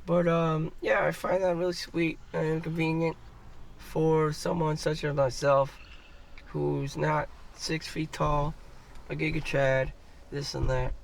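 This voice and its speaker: A man's voice: fairly high pitch, little pitch movement, takes it slowly, vocal fry. A man from the United States ranting on a livestream in a profane, rambling way that keeps repeating itself, recorded on a distant mic with faint noise behind. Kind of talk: casual ranting monologue.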